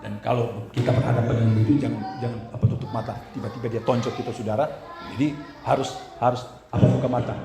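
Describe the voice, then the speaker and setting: A male pastor preaching a storytelling sermon, animated and often calling his listeners "saudara". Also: mid-range voice, fast, creaky. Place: church. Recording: very echoey church hall.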